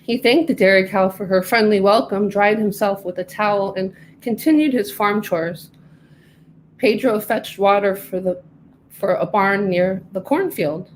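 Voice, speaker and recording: A middle-aged woman reading her own storybook aloud with clear, careful narration. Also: mid-range voice, measured pace, slight background noise, low-quality recording. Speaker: author reading her book.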